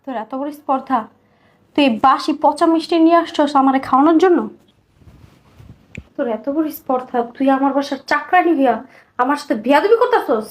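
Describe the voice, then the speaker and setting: A woman's voice: sits high, a little fast, pauses often, lightly acted. A woman playing a haughty rich housewife who scolds her maid with contempt. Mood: outraged. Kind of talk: social media skit acting.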